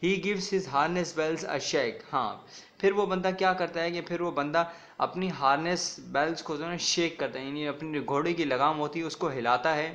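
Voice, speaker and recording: Teacher mixing Hindi-Urdu and English. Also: male voice, fairly high pitch, a bit bright. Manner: mixes Hindi-Urdu with English, repeats "ठीक है ना" often; reads English lines slowly, then explains them. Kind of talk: classroom lesson explaining an English poem. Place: recorded video lecture.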